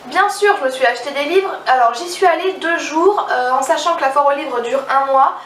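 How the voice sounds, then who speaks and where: A young woman with a high voice talks casually and eagerly about her book purchases, stumbling over her words and starting sentences again. She is recorded from a little way off in an echoey room at home, with faint noise in the background. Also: fairly quick, a bit bright. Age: young adult. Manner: chatty, hesitant, restarts sentences, enthusiastic. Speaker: book vlogger. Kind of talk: casual book haul vlog. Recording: roomy, slightly distant mic, faint background noise.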